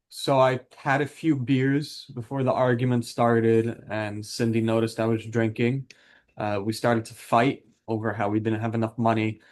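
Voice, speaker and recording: A man's voice: fairly low pitch, darkish tone, natural voice. Plain-spoken, defensive husband, played by a man. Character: frustrated, defensive husband who drinks, admits anger issues. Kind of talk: counselling role-play.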